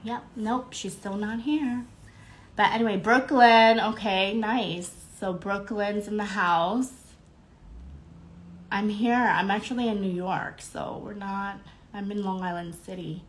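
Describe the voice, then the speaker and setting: There's slight background noise as a young woman with a medium-pitched voice speaks slowly in a steady tone. Hosting a casual live podcast stream, she's congested and a touch nasal, yet bubbly, dropping fillers and welcoming viewers by name.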